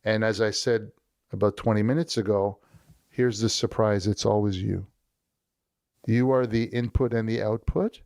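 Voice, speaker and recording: A man as an interview guest, talking in a lively storytelling way and acting out the voices he quotes. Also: lowish voice, normal speed, vocal fry. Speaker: leadership strategist guest. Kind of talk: conversational interview.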